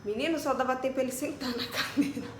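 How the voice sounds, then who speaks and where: A young woman from Brazil talks in a lively, chatty way, dropping casual fillers as she tells her story. Her voice sits a bit high. The sound carries a clear echo from the room, with faint ambient noise behind her. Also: fast. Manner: chatty and animated, many fillers like "tipo" and "né". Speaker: vlogger.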